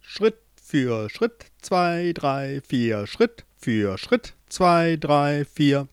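Chorus of dutiful worker ants counting steps in a slow chant, done by a male narrator, storybook style. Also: on the high side, big pitch swings, clean tone, no room sound, clean studio sound, full character voice.

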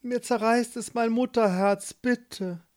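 A woman's voice: fairly high pitch, steady tone, takes it slowly, darkish tone, voice pushed up. Grieving mother, pleading and heartfelt; woman reads her.

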